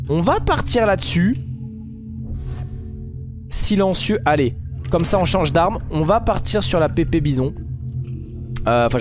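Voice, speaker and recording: A man hosting a let's play, chatting casually and excitably, rambling along with sudden yelps of surprise. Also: mid-range voice. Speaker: gaming video host.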